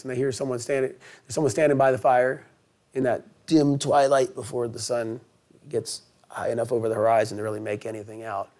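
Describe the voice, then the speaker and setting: A man preaching a sermon in church, telling a story in a lively way and acting out the characters. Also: mid-range voice. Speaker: pastor. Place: church sanctuary.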